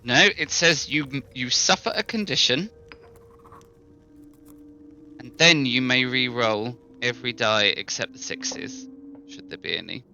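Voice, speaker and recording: A man's voice: medium pitch, moderate pace, pushed and bright, lo-fi sound. A man casually narrating and refereeing a tabletop game, often thinking aloud. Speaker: game master.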